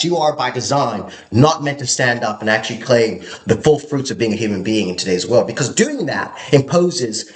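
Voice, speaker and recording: Speaking to camera in a roomy-sounding space, a young Hong Kong man gives a sincere, stop-start pep talk, frequently saying things twice. His voice sits in the mid range.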